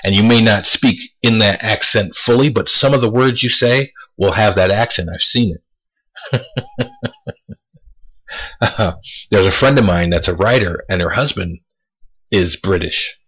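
A man talking straight to camera in a casual monologue. He speaks deliberately, repeats words for emphasis and asks rhetorical questions. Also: lowish voice, a bit bright, breathy edge, rough recording. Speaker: vlogger.

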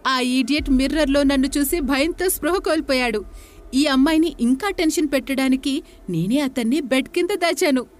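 A woman's voice: high-pitched, brisk, voice pushed up, lightly acted. A woman doing a cocky young prankster girl. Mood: smug. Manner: teasing, cocky. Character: brash young woman prankster, haunted-house worker.

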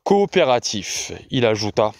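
A man reading a novel aloud in a measured, expressive way. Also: mid-range voice, no echo. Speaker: audiobook reader.

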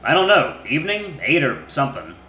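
A man's voice: fairly high pitch, sing-song, a little fast, bright, forceful tone, slight background noise, voice pushed up. A man voicing a crude, ill-tempered male wolf being questioned, with blunt, clipped answers full of swearing. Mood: grumbling. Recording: echoey room with faint music.

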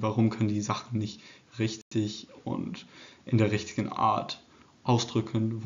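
Lecturing over slides indoors, this young man from England keeps stumbling through fillers and false starts. His voice sits low and sounds a little mellow, and the recording is muffled.

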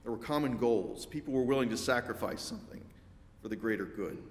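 Male pastor, mid-range voice, measured sermon delivery with wry dry humor; roomy church sound, long reverb tail. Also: mid-range voice. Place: church sanctuary.

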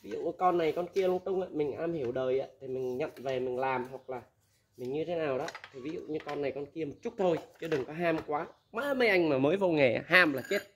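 A man's voice: on the high side, brisk, a bit bright, slight background noise. A man, casually giving blunt, candid advice as a used machinery dealer, laughing often.

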